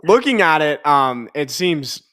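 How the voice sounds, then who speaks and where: A man's voice: fairly high pitch, very animated, measured pace, bright, forceful tone. A man co-hosting a casual sports betting podcast, teasing his partner with dry jokes. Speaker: podcast co-host.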